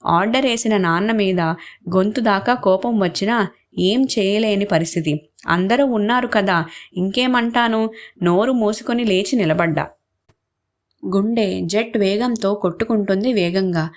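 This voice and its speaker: A woman's voice: medium pitch, unhurried. Woman, storyteller, story reading, voices the characters' quoted lines. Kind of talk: reading a short story aloud.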